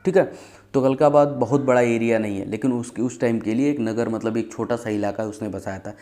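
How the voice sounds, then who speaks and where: A man's voice: medium pitch, steady tone, a little fast, dark tone. A man giving a conversational exam-prep history lesson, telling it as stories and often checking in with "ठीक है". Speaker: history teacher.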